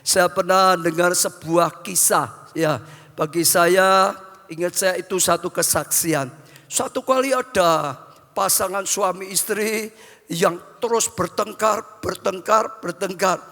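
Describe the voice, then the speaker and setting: Bright-voiced male pastor in an echoing hall. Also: sits high, slow pace. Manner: repetitive, addresses the congregation as brothers. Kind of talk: sermon. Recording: long hall reverb, faint music.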